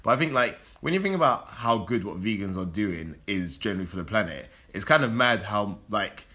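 A young man chatting casually and arguing his opinions in an animated, slangy, sweary way. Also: fairly low pitch, fairly quick. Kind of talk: casual chat, debate.

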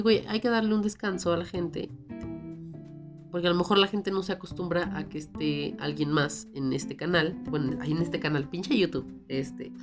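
A woman with a Mexican Spanish accent hosting a casual solo podcast, rambling and self-mocking, with a cold and a sore throat. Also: on the low side. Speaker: podcast host.

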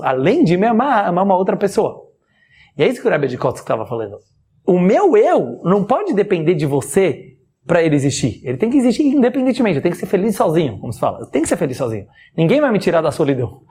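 A man's voice: high voice, darkish tone, breathy edge. A man with a Brazilian Portuguese accent, a rabbi giving a spoken religious lesson, who asks rhetorical questions and chuckles often. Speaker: rabbi teaching a class.

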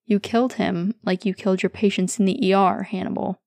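A woman's voice: mid-range voice, steady tone, brisk, vocal fry, a little mellow, dry recording, clean studio sound, natural voice. A woman voicing a guarded, weary male investigator who talks bluntly.

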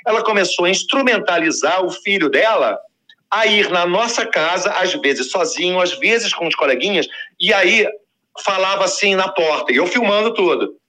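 A man's voice: sits high, moderate pace. A man telling a long personal story in a casual, slangy way, acting out the voices of the people in it. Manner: animated, slangy, acts out quoted voices.

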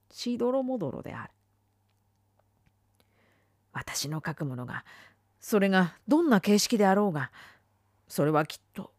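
A woman reading a literary essay aloud, dramatic, swinging between firm declarations and hushed whispers. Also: fairly low pitch, dry recording, studio quality. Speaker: reader.

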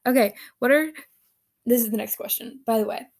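Giggly woman with a gravelly edge. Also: a little high, fairly quick, darkish tone. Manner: giggly, reacts aloud while reading, drops into asides. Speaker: vlogger reading out viewer answers. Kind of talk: casual solo chat.

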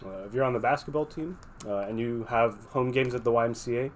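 Brief: quick, excitable teen male, casual banter, faint hiss. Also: mid-range voice. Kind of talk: casual chat.

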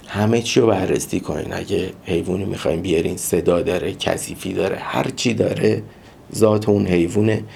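A man's voice: deep voice, creaky, darkish tone, husky. A man hosting a podcast, telling a personal story in an informal, reflective and earnest monologue. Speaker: podcast host.

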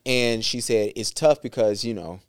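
Casting: easygoing male podcast co-host, smooth resonant tone, close dry mic. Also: medium pitch, moderate pace, no echo. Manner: laid-back slang, frequent "um" and shout-outs. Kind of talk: casual podcast chat.

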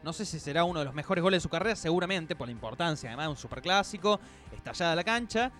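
High, lively Argentine man presenting football. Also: very fast, soft background music. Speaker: sports radio show presenter. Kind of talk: conversational football nostalgia segment.

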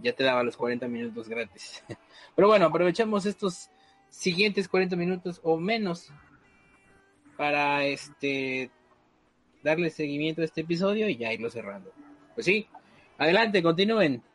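A man's voice: fairly high pitch, animated, normal speed, long pauses, fairly bright tone, faint music behind. A man hosting a casual podcast chat, hesitant and full of fillers. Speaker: podcast host.

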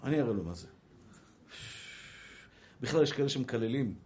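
A man's voice: medium pitch, animated, darkish tone. A man with an Israeli Hebrew accent, a rabbi giving a sermon, animatedly acting out quoted dialogue and calling his listeners brothers.

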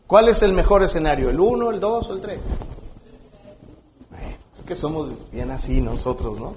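A man's voice: fairly high pitch, lively intonation, normal speed, background noise. A man with a Mexican accent preaching a sermon as pastor, talking conversationally and acting out scenes.

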